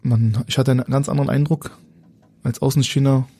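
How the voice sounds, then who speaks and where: A man's voice: medium pitch, steady tone, brisk, mellow, no room sound. A man, a former footballer, telling stories in a loose, colloquial way as a guest in casual conversation, often searching for words. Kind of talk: casual anecdotal storytelling.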